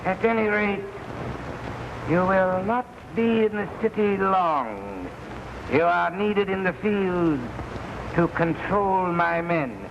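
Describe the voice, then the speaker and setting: An actor playing a scheming, courtly male villain boss, speaking in a formal, slow and deliberate way, heard on a noisy, dull 1950s TV broadcast recording. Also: high voice, expressive, vocal fry, heavily acted. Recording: hissy, muffled old TV soundtrack.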